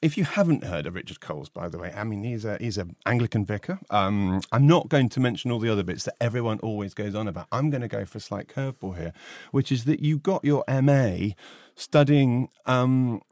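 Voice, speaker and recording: A man's voice: fairly low pitch, animated, darkish tone, dry recording, clean studio sound. Playful British male doctor hosting. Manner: playful, jokey, sometimes halting. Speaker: doctor and podcast host. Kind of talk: casual chat.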